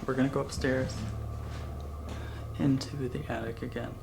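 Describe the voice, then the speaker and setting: Informal paranormal vlogger, gravelly mid-range voice, casual chat, clearly noisy indoor location recording. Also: mid-range voice, flat delivery, normal speed. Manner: informal, sweary. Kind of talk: casual vlog chat to camera. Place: indoors, old house at night. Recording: noisy handheld recording with room ambience.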